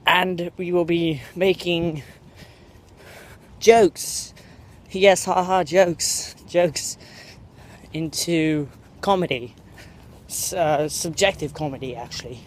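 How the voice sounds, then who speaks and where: This young American vlogger wanders around a school campus outdoors with his phone, chatting in a mock British accent. His pitch sits on the high side and he takes things slowly, his jokey, rambling talk full of fillers and self-corrections, with slight noise in the background.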